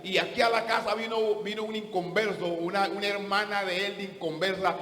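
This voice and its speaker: A man with a high-pitched voice preaches as pastor, driving home each point with rhetorical questions. His sermon rings out with a long, roomy reverb, as if from a church hall. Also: steady tone, fairly quick, bright, forceful tone.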